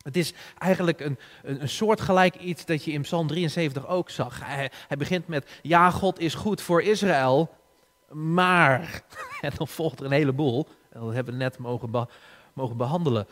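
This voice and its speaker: A man preaching a sermon in an earnest, slow way, often restarting and rising for emphasis. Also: medium pitch. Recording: long hall reverb.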